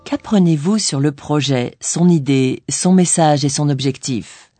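A woman narrating a scripted language course in a didactic way, pausing on key words. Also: deep voice, mellow, soft background music. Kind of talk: scripted bilingual explanation.

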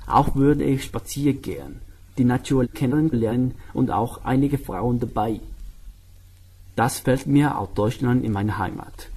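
A man's voice: mid-range voice, lively intonation, measured pace, dark tone, slightly rough. A young man from Guatemala with a Spanish accent, talking carefully about himself in learner German and making grammar slips as he goes. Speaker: medical student, German learner. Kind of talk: personal portrait monologue.

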